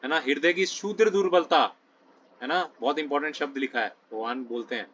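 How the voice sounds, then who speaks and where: A man's voice: fairly high pitch, brisk, a bit bright. A man explaining scripture to a study group in a conversational way, often checking in with listeners between phrases. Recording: dull lo-fi sound with faint noise.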